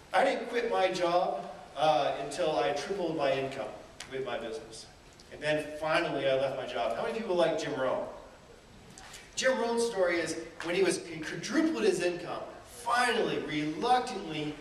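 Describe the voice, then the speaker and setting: A man giving a live seminar talk, telling stories and asking the audience rhetorical questions with lots of energy. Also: fairly high pitch. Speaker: motivational speaker. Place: event hall. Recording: echoey room from far off, faint noise.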